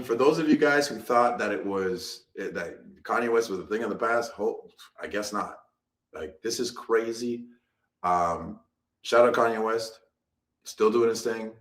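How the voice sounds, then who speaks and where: Here the same kind of low, slightly bright male voice moves at a measured pace as he co-hosts a laid-back live stream. His talk is loose and meandering, looping back on his own wording, and he's quick to laugh. The room gives his voice an echo.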